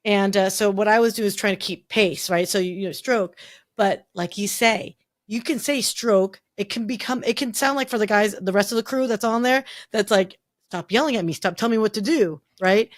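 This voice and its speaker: A woman's voice: medium pitch, normal speed. A middle-aged woman co-hosting a podcast, telling stories in a chatty way with frequent restarts. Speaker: podcast co-host. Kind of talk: casual chat.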